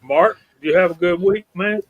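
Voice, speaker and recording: A man's voice: high-pitched, normal speed, dry recording, highs cut off. A man hosting a casual live stream and reading out viewer names. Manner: reads out viewer names in a steady list.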